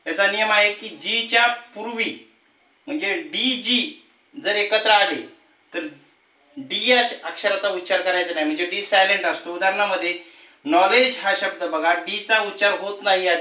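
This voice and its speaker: A man teaching a lesson to students, patiently explaining rules and repeating example words slowly. His first language is Marathi. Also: high voice, sharp tone. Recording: roomy, slightly distant, dull sound.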